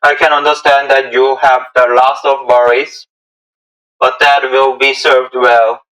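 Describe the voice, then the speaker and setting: In a low-quality recording over instrumental music, a man acts in a scripted amateur audio drama, using formal, stilted English with non-native phrasing. His medium-pitched, slightly bright voice moves little in pitch, and he doesn't hurry.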